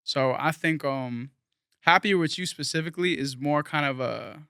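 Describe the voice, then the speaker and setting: A man's voice: a little high, normal speed, pushed and bright, clear, resonant tone, no room sound, studio quality. A young man from South Florida, a guest musician talking casually in an interview, rambling earnestly with lots of fillers.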